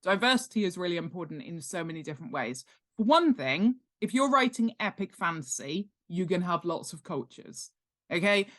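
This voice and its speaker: A middle-aged British woman, an author and world-building expert, is a podcast guest explaining things conversationally in an interview and stressing points by repeating words. Her voice is fairly low and fairly bright, with big pitch swings at a normal speed.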